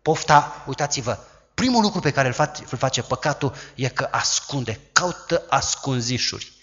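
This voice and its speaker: A man preaching a sermon, who acts out quoted voices loudly and dramatically. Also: mid-range voice, animated, dull audio. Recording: long hall reverb.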